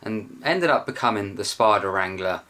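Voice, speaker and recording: A young man talks casually to his viewers in a voice that sits a little low. He rambles along in a chatty, self-deprecating way, like someone hosting his own channel. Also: lively intonation, normal speed, bright, forceful tone. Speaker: channel host. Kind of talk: casual video chat.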